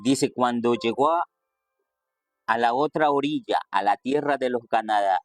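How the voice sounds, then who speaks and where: Guy preaching real slow n emphatic, dry close sound. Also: dry recording, soft background music. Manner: slow, emphatic, quotes scripture with sudden raised pitch. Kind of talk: sermon.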